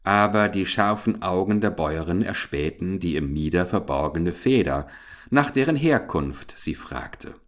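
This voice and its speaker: A man narrates an old children's fairy tale with a calm, measured storytelling delivery. His voice sits fairly low, and the text is read in a steady, scripted way.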